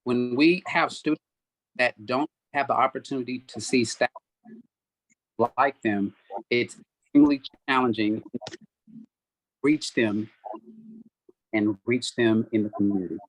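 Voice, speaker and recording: A man answering forum questions as a school board candidate over a video call whose audio keeps breaking up, speaking haltingly and restarting his sentences. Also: medium pitch, fairly even intonation, no echo, low-quality recording. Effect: choppy, breaking-up video call audio.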